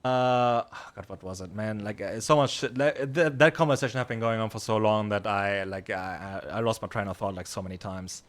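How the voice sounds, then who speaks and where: A man in character as a biker club member, talking casually in a halting, rambling way full of restarts and fillers, and getting loud and exasperated when he defends himself. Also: lowish voice. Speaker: roleplay streamer playing a biker club member.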